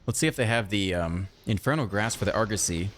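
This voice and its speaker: A man giving casual, chatty commentary over his own card game, thinking aloud and breaking into excited outbursts. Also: on the low side, fast talker, slight background noise. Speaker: gaming channel host.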